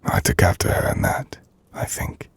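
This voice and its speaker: The half-vampire nobleman returns, played lightly by a man whose voice is low, gravelly and breathy. Speaking hushed and slow with formal, reflective phrasing, he sounds fond and wistful in this intimate ASMR dramatic monologue.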